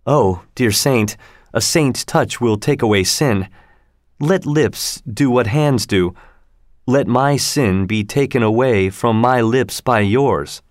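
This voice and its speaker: A man voicing young Romeo, a lovestruck nobleman speaking in earnest, poetic lines in a slow storybook reading. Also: medium pitch, no room sound, clean studio sound, lightly acted. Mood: tender.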